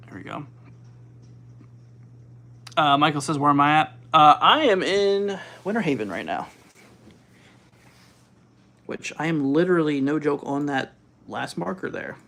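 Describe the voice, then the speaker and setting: A man hosting a live weather stream, giving casual, halting commentary as he thinks aloud and reads out figures. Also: on the high side, expressive, gravelly, sharp tone. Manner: informal, halting, thinking aloud while looking things up. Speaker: weather livestream host.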